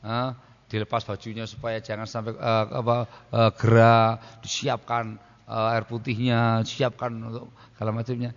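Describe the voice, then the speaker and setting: A man's voice: medium pitch, completely flat delivery, normal speed, big-room sound, muffled recording. A man preaching on marriage to an audience, conversational and prodding them with questions, sometimes acting out what a spouse would say. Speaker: Islamic preacher. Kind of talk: religious lecture on marriage.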